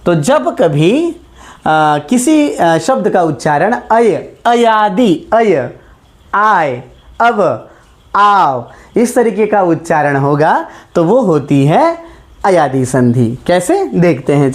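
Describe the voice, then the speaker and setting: Slow, patient male Hindi teacher. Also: high voice. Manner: slow and patient, repeats key sounds and asks rhetorical questions. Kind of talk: classroom grammar lesson.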